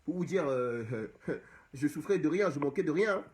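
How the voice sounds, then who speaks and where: A young Cameroonian diaspora activist delivers an impassioned monologue straight to the camera, repeating the same phrases again and again to exhort his audience. His fairly high voice is lively in intonation, moderately paced and a little mellow, with a bit of hiss or hum in the recording.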